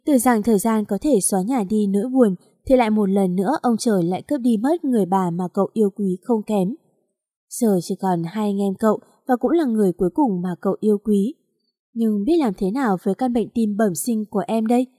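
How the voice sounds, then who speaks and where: Woman, storybook narration, mournful, medium pitch, dry sound. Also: mellow, dry recording. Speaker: audiobook narrator.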